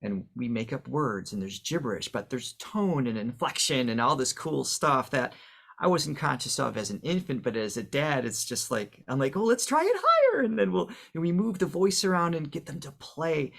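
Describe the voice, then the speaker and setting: A man's voice: medium pitch, lively intonation, normal speed, creaky, fairly bright tone. A man, a voice coach and guest on an interview podcast, explaining how speech and singing work through examples, with the odd filler.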